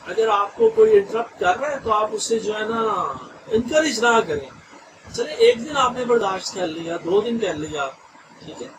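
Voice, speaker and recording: A man teaches an online training session in a chatty, easygoing way, dropping in English phrases and often checking that his listeners follow. His voice sits high. He is recorded from a distance, with clear noise in the room behind him. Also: big pitch swings. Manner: chatty, mixes English phrases, frequent "theek hai ji" checks. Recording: distant mic with noisy room ambience.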